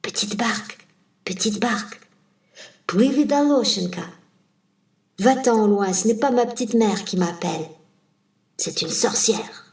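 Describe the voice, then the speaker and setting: A storyteller voicing a little fisher boy, softly coaxing his boat in a sing-song way, heard from a distance in a roomy space. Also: mid-range voice, unhurried, creaky, long pauses, pitched above the performer's own voice. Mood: whispering.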